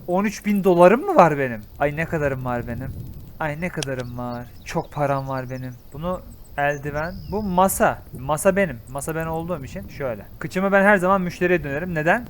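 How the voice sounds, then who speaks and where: A young man with a Turkish accent gives casual let's-play commentary, excitable and exclaiming, swinging from loud outbursts to low muttering. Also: slight background noise. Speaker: gaming YouTuber.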